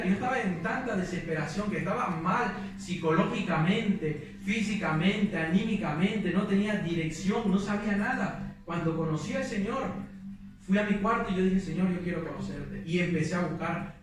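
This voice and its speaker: Young guy preaching, high-ish voice, earnest, booming echo, far from the mic. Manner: earnest, emotional storytelling with quoted prayers. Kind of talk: sermon with personal testimony. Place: church hall. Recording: distant, very echoey church hall with music.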